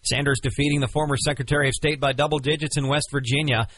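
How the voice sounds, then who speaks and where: A man anchoring a radio newscast with brisk, crisp delivery. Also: mid-range voice, steady tone, fairly bright tone, no echo.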